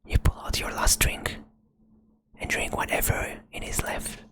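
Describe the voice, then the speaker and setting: Slow, soft second-person storytelling comes from a woman whispering breathily as she runs a tabletop roleplay game as its game master.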